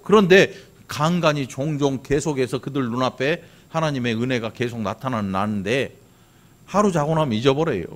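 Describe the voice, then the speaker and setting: A middle-aged male pastor preaching a sermon, conversational and questioning the congregation, swinging from loud to soft. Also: a little high. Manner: asks the congregation questions, imitates regional dialects.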